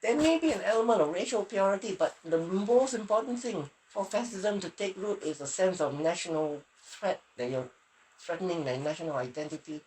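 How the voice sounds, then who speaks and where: A woman's voice: on the low side, animated, a little fast, a little mellow, a little hiss or hum, poor audio. A woman from Singapore hosting a casual podcast, talking in a sardonic way and laughing often, her voice strained. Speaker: podcast host.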